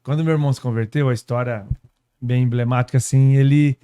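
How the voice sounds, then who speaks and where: A man from São Paulo state telling his story as a guest pastor, unhurried, tagging his sentences with little questions. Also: medium pitch, fairly even intonation, dark tone, smooth. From São Paulo state, Brazil. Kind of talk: casual testimony conversation. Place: podcast studio.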